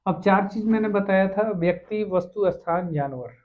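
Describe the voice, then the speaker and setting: A man teaching an English grammar lesson, explaining slowly and asking rhetorical questions. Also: sits high. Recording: tinny phone-like sound.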